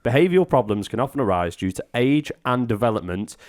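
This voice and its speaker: A man's voice: medium pitch, sing-song, fast talker, darkish tone. A man on a comedy podcast, giggling and stumbling as he reads product labels aloud. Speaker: podcast co-host. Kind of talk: casual comedy podcast chat.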